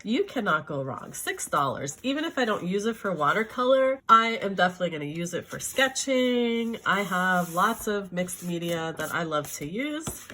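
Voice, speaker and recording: A woman's voice: mid-range voice, expressive, normal speed, bright, forceful tone, slight background noise. A middle-aged woman from Canada with a sore throat, chatting enthusiastically about her art supplies in a casual video. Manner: chatty, enthusiastic, self-correcting. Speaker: art vlogger.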